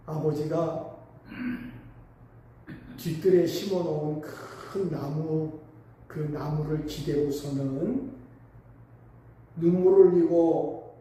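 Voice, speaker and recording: A man's voice: a little high, steady tone, slow, pauses often, warm tone. A male pastor preaching a sermon, telling a story with emphatic swells. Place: church sanctuary. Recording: echoey church hall, mic at a distance.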